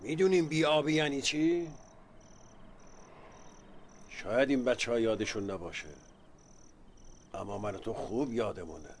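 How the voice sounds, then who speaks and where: An actor playing a weary, secretive older village father who talks gravely in proverbs, in a radio drama. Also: medium pitch, pauses often, slight background noise, close to an everyday voice. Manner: solemn, speaks in proverbs. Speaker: village elder and retired folk singer.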